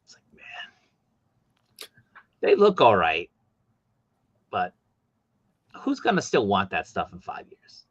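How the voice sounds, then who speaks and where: A man hosting a casual chat, telling relaxed, rambling stories about toy shopping. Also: fairly low pitch, unhurried, long pauses, dry recording, lo-fi sound. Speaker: podcast host.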